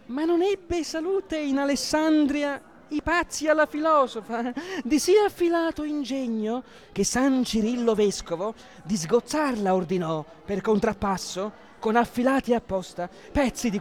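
A man voicing a sharp-witted, somewhat feminist young maid who recites in mock old-fashioned verse. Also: very high voice, normal speed, few pauses, voice pushed up. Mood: recounting. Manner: mock-archaic storytelling recitation.

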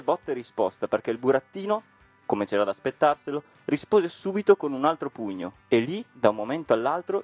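A man narrating a classic storybook with a lively, expressive reading. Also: mid-range voice, dry recording.

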